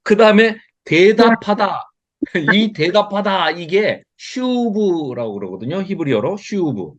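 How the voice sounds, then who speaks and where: Male Bible teacher on a video call, lively pitch, fairly high voice, dull lo-fi audio, quizzes his class. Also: measured pace. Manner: lively and expressive, chuckles often, asks the class questions. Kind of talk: online Bible lecture.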